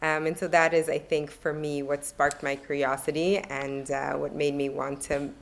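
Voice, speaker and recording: A middle-aged woman from Italy, an author guest on a podcast, reflectively telling stories with frequent pauses and ums. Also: low voice, flat delivery, creaky. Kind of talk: podcast interview.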